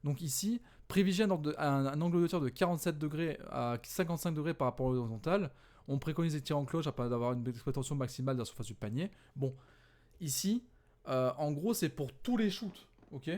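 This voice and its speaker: A man's voice: fairly high pitch, fast talker, a little mellow. Casual, self-correcting male teacher. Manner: conversational, many fillers and self-corrections; tired late-night delivery. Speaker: physics teacher. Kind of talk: casual exam walkthrough.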